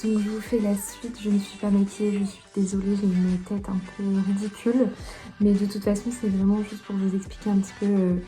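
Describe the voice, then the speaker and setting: A woman's voice: mid-range voice, flat delivery, fairly quick, dark tone, faint music behind. A young woman vlogging in a casual, chatty way, rambling and poking fun at herself, recorded on a phone camera. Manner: chatty, self-deprecating, rambling. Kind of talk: casual vlog chat.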